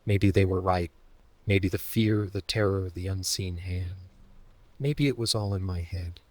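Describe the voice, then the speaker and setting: A man telling a first-person horror story in scripted narration, slow, hushed and dramatic, sometimes sinking into a whisper. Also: sits low.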